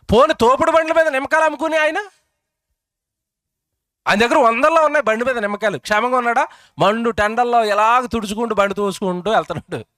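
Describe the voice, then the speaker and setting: A middle-aged male preacher delivers a sermon in a notably high voice. He keeps turning to his congregation with questions and acts out the words of the people in his examples. The sound is dry, with no room echo. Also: sharp tone. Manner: asks the congregation rhetorical questions; acts out quoted speech in varied voices.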